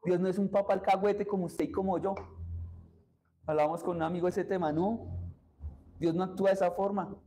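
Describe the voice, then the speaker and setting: A man's voice: high voice, fairly even intonation, fairly quick, pauses often, warm tone, slight background noise, rough recording. A man, preaching a sermon as pastor and putting questions to the congregation.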